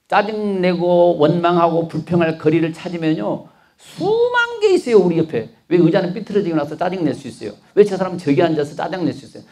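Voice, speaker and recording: Lively high-voiced man lecturing. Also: gravelly. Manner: folksy, joking, asks the audience to repeat after him. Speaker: doctor giving a health talk. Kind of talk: lively lecture to older listeners.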